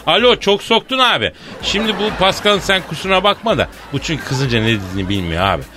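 Male comedy radio host, bright and forceful, a touch high, joking quick asides. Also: sing-song, soft background music. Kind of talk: comic radio banter.

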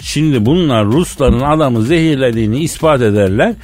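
A man's voice: medium pitch, animated, brisk, a little mellow. A man hosting a comedy radio sketch, joking in a wisecracking, mock-preachy way.

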